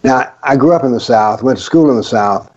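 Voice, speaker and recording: An older man from the American South talks on a radio show, spinning stories with dry, sarcastic humor. His voice sits at a middle pitch. The audio is dull and lo-fi. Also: a little fast. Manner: wry, sarcastic, storytelling. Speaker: guest author. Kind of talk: casual radio talk.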